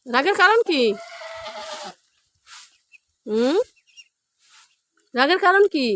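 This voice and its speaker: High-voiced woman coaxing a hen. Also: lively intonation, drawn-out words, slight background noise. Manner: gentle, repetitive questioning. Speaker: poultry keeper. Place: farmyard outdoors with chickens. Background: clucking chickens.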